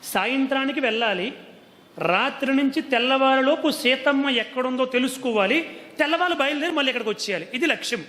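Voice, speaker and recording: A man's voice: very high voice, expressive, a little fast, bright, forceful tone. A man telling a sacred story as a religious discourse, explaining earnestly and coaxing his listeners, sometimes chuckling. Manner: explains earnestly, often coaxes listeners with "andi". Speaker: devotional storyteller. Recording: long hall reverb.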